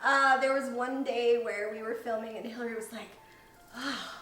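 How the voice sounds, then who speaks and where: A woman's voice: fairly high pitch, fairly even intonation, brisk, a bit bright. A woman co-hosting a casual chat to camera, bubbly and joking, given to exclamations. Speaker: video creator, co-host. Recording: roomy echo, faint music behind.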